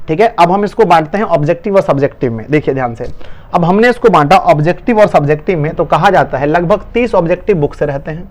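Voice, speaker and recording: A man's voice: fairly high pitch, expressive, fast. A male online tutor with a Bihari Hindi accent, giving an urgent, coaxing exam-prep lesson to students.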